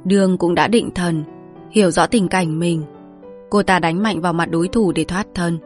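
A woman's voice: on the low side, fairly even intonation. Woman narrating a storybook, faint music. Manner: measured, polite storytelling. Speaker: audiobook narrator. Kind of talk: scripted narration.

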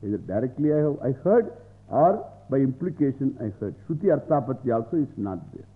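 South Indian swami teaching, thin phone-like sound. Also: male voice, mid-range voice, animated, fairly quick, a little hiss or hum. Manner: repeats phrases, explains word by word, argues with rhetorical questions. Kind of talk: scriptural lecture with Sanskrit quotations explained in English.

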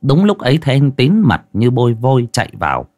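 A man narrating a ghost story in a lively, dramatic way. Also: mid-range voice, fast talker, dry recording.

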